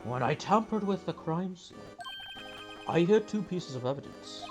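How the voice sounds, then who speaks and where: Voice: mid-range voice, lively intonation, moderate pace, over music, voice pushed up, lightly acted. Someone doing a smug old man police chief. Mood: coolly confessing. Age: older.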